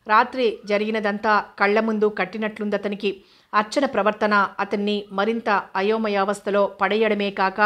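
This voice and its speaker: A woman reading a novel aloud as narrator, in a steady, even storytelling manner. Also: mid-range voice. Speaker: audiobook narrator.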